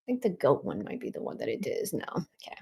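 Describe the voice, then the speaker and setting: Chatty woman casually demoing design software. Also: very deep voice, huge pitch swings, fast, gravelly, husky. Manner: chatty, lots of ums and likes. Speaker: design tutorial presenter. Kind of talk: casual screen-share walkthrough. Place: at home.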